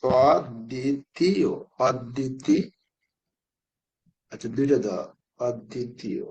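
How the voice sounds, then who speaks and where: A man's voice: sits high, animated. Patient man teaching children to spell. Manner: patient, repeats words slowly and asks the children questions.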